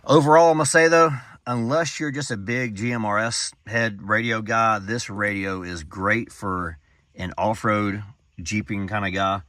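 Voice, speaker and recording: A low-pitched man talks through a casual product review. He is informal and folksy, rambling along as if chatting with fellow hobbyists. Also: fairly even intonation, measured pace, fairly bright tone, no echo.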